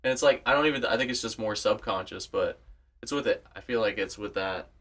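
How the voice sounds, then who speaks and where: A man's voice: fairly low pitch, fairly quick, fairly bright tone. A young man hosting a podcast, rambling in laid-back casual chat full of fillers. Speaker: podcast host.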